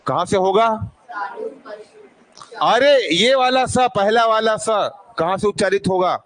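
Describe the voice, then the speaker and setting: Male teacher, high voice, unhurried drilling, asks and answers himself. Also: a bit bright. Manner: repeats sounds slowly to demonstrate. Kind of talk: classroom grammar lesson.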